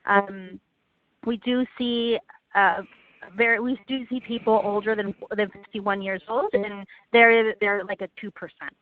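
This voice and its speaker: A woman presenting slides in a webinar over a phone line, earnest and halting with frequent restarts. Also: mid-range voice, fairly even intonation. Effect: heard over a phone line. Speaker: webinar presenter for a legal aid project. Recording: tinny, dry phone line.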